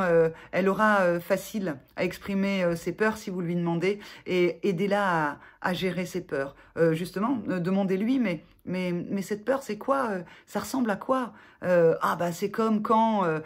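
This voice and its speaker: A woman therapist giving gentle self-help advice to viewers in a vlog, speaking haltingly with many filler sounds and restarts. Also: fairly low pitch. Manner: gentle, reassuring address to viewers.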